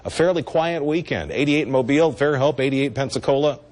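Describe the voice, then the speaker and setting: A man giving a TV weather forecast in a steady, matter-of-fact way. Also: medium pitch, brisk.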